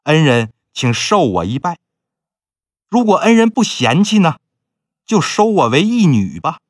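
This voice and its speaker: A man's voice: a little high, big pitch swings, unhurried, dry recording, clean studio sound, pitched above the performer's own voice. Man voicing a humble orphaned young lady. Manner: humble, formal, polite. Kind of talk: storytelling with character voices.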